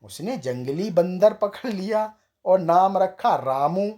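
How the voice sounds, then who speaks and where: A storyteller narrating a comic village tale, unhurried and now and then chuckling. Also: mid-range voice, expressive, darkish tone.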